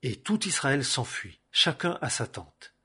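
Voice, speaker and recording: A man reading a Bible passage aloud in a measured, solemn way, phrase by phrase. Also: mid-range voice, sing-song, bright, forceful tone, breathy edge. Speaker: scripture reader.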